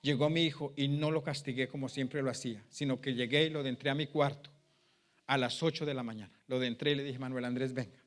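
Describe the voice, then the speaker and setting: A middle-aged man preaching a sermon, telling a personal testimony that swings from loud pleading to hushed, quiet tones. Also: mid-range voice, steady tone, brisk. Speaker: pastor.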